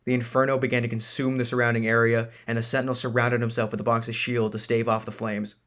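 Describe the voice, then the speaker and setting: A man narrating a science-fantasy novel in a steady, plain reading voice. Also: mid-range voice, quick pace.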